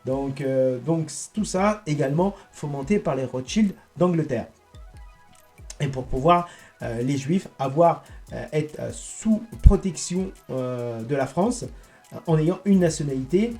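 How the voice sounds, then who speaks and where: A man giving a rambling, indignant monologue to his viewers, halting and restarting as he goes. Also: fairly high pitch, lively intonation, mellow, soft background music. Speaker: online political commentator.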